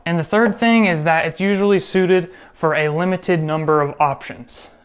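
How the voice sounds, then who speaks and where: A man's voice: fairly high pitch, steady tone, normal speed, background noise. A man teaching programming in a casual screen-recorded tutorial, chatty and joking, often correcting himself as he goes. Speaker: programming instructor.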